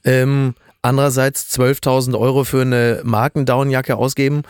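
A man's voice: mid-range voice, little pitch movement, moderate pace, darkish tone, smooth, no room sound, studio quality. A man co-hosting a podcast in casual banter, rambling and hesitant with many fillers. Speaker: podcast co-host.

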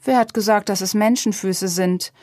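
In a dry, studio-quality recording, a woman reads a storybook as a small, clever apple witch, speaking thoughtfully and with confidence. Her medium-pitched voice sits above her natural one yet stays close to everyday speech. The delivery is fairly even in intonation, moderately paced, and a little mellow.

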